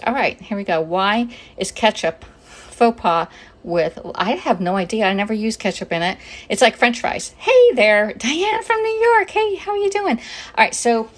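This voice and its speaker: A woman hosting a casual live cooking stream from her home kitchen, chatting and greeting viewers by name, a little out of breath. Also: medium pitch. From Northeast Pennsylvania. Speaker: home cooking livestream host. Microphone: phone camera.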